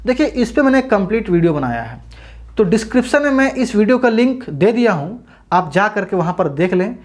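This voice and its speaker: Her mid-range voice is very animated, a little fast and slightly mellow as she teaches English grammar to exam students. Greeting viewers as brothers and sisters, she raises questions only to answer them herself.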